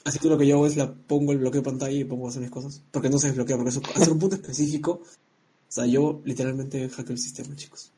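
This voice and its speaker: A man's voice: medium pitch, fairly even intonation, quick pace, dark tone, breathy edge. A man co-hosting a casual chat, joking around and sending playful greetings to his listeners.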